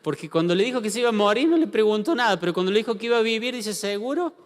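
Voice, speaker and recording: A man's voice: sits high, lively intonation, rapid-fire. A man with an Argentine accent preaching a sermon, telling a story with acted-out dialogue and questions to the congregation. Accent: Argentine Spanish. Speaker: pastor. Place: church hall. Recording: long hall reverb.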